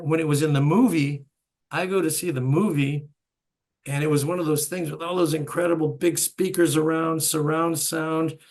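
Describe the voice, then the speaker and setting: Seventies male host, gravelly, chatty storyteller. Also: fairly high pitch. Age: 70s. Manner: storytelling, chuckling asides. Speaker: host and bandleader. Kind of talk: reminiscing interview chat.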